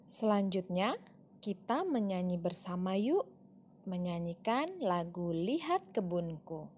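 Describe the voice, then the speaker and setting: A woman's voice: on the low side, sing-song, takes it slowly, a little mellow, slight background noise. A woman teaching a primary school class in a recorded online lesson, explaining patiently and reading examples aloud with feeling.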